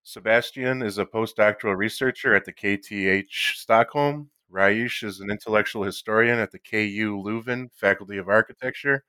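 A man's voice: on the low side, normal speed, hardly any pauses, sharp tone, smooth, dry recording. A man hosting a podcast interview, reading a polite and formal introduction before he questions his guests. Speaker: podcast host.

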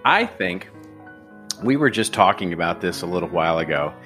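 Deep-voiced rambling Texan man. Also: big pitch swings, moderate pace, bright, forceful tone, soft background music. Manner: rambling, hesitant with many fillers. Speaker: regular guest, strategy advisor. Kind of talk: casual podcast chat.

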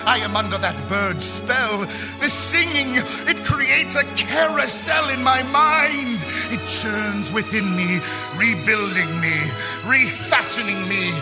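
A man's voice: very high voice, takes it slowly, music in the background, exaggerated voice. An actor playing a vain, lovesick male poet on stage, declaiming florid verse in a grandiose, theatrical way. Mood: grandiloquent. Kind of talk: live stage comedy performance.

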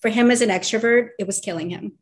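A woman's voice: on the high side, fast talker. A middle-aged woman from Belarus, telling her own story conversationally as a podcast guest. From Belarus, moved to the US at twelve. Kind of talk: conversational personal storytelling in an interview.

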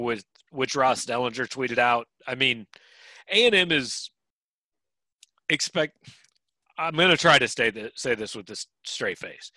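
A man's voice: mid-range voice, pushed and bright, dry recording, rough recording. A man co-hosting a sports podcast in casual chat, with dry, wry humor and frequent restarts.

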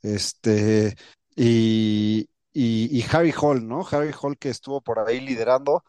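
A man's voice: medium pitch, steady tone, slow pace, darkish tone, clear, resonant tone, no room sound. A man co-hosting a golf podcast, talking colloquially and repeating words as he goes. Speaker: podcast co-host. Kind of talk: casual golf chat.

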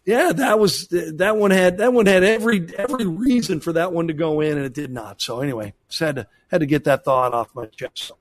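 A man's voice: a little high, a little fast, hardly any pauses. A man co-hosting a soccer show, chatting casually and restating phrases for emphasis as he analyses plays. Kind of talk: casual sports chat.

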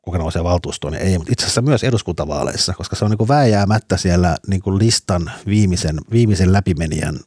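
Matala, käheä miesääni. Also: male voice, deep voice, few pauses, a little mellow, breathy edge, dry recording, studio quality. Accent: Finnish. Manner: thoughtful, many fillers, explains at length. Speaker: podcast panelist, journalist. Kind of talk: casual discussion.

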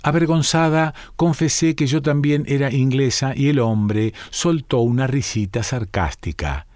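A man reading a short story aloud in a calm, measured narrating voice. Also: mid-range voice, no echo, clean studio sound. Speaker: reader.

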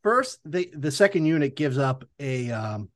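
A man's voice: a little high, big pitch swings, a little slow. A man co-hosting a sports podcast with casual analysis, emphatic and repeating words for stress.

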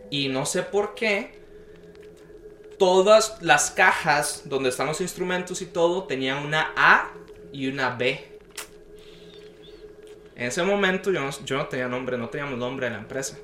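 Bright-voiced young man telling a dream story. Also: fairly high pitch, normal speed, pauses often. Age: young adult. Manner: animated storyteller acting out quoted voices. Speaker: podcast guest. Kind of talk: casual storytelling chat. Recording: echoey room with faint noise.

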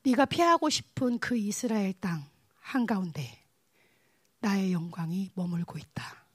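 A woman voicing God as a calm, grave, commanding presence, speaking slowly and in a low hush. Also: breathy edge, no echo, clean studio sound. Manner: slow, low, hushed delivery.

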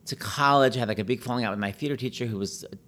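A middle-aged man telling stories in a casual, animated chat, full of "like" and quick asides. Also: medium pitch. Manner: chatty, animated, peppered with "like".

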